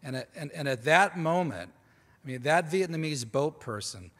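A man's voice: fairly high pitch, expressive, normal speed, a bit bright. A man giving a conference lecture, speaking emphatically, repeating words as he restarts and turning to the audience with asides. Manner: talks directly to the audience with asides. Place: large conference hall. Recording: long hall reverb.

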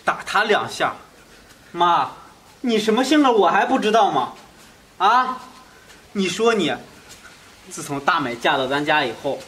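A man's voice: high-pitched, sharp tone, exaggerated voice. An actor playing an earnest young husband who pleads with his wife and reproaches his mother, repeating his questions. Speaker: husband returning from work away.

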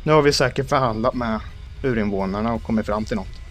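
A young Swedish man hosting a let's play, joking about himself and yelling in panic at enemies. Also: fairly low pitch, faint music behind. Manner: jumpy, self-mocking, shouts in panic at enemies. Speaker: gaming channel host.

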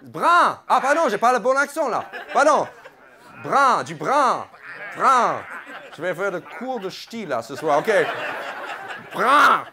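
A man's voice: high-pitched, big pitch swings, a little slow, sharp tone. A man, doing playful stand-up crowd work on a comedy club stage, teasing and mock-outraged. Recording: live club audience audible.

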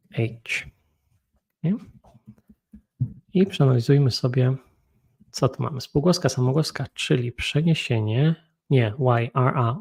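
A Polish man with a Polish accent teaching an English grammar lesson, talking slowly and thinking aloud while feeling unwell. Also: mid-range voice, creaky, darkish tone. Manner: slow, thinking aloud with frequent hums. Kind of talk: solo grammar and pronunciation lesson.

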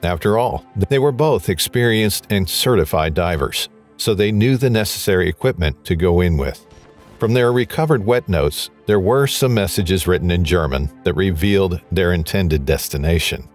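A man reading a scripted documentary voice-over in an even, measured way. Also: low voice, faint music behind. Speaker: documentary narrator.

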